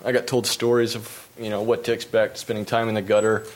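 A young American pro cyclist gives a relaxed, storytelling slide presentation about his races, his voice a little low. He fills gaps with ums and uhs and laughs at his own bad luck. The recording quality is low.

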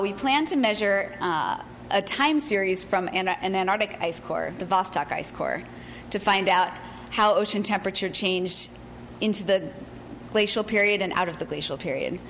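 Woman, researcher, medium pitch, scientific presentation to an audience, faint background noise. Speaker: researcher presenting her work.

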